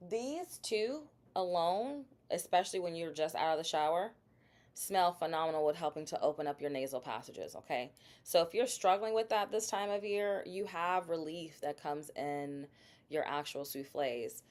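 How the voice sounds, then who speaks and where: Her voice is deep and a touch mellow, moving at a moderate pace, as she hosts a laid-back live stream selling bath products. She talks right to the people watching, chatting freely and quizzing them on the items.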